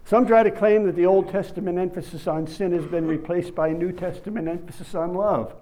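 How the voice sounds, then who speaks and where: A man preaching a sermon, reading scripture slowly and rising to emphatic bursts on key words. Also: high voice, fairly even intonation, warm tone, poor audio.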